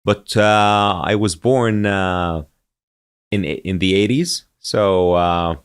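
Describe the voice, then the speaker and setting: A Saudi man in his forties, whose first language is Arabic, appears as a podcast guest in a conversational interview. He has a deep, smooth voice and speaks slowly and hesitantly, with many fillers and restarts, and he laughs easily.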